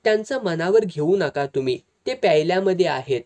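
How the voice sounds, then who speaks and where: A reader voicing a reproachful young wife. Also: female voice, lowish voice, animated, a little fast, a little mellow, lightly acted. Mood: anxious. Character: worried young wife and mother.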